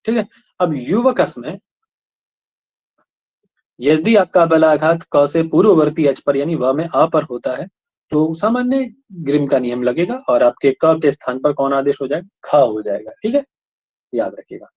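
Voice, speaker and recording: Guy teaching a class, always asking students if they got it, kinda husky, muffled low-fi audio. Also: animated, unhurried, darkish tone. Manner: keeps questioning students and checking they understand. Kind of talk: classroom lecture. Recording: dull lo-fi recording.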